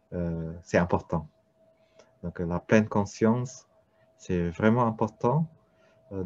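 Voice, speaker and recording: A man with a deep voice gives a meditation talk at a very slow pace. He is not a native French speaker and has a foreign accent in French, halting as he searches for words. The recording is a little dull and lo-fi. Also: darkish tone, no echo. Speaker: meditation teacher. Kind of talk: unscripted Buddhist-style dharma talk. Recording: dull, muffled lo-fi sound.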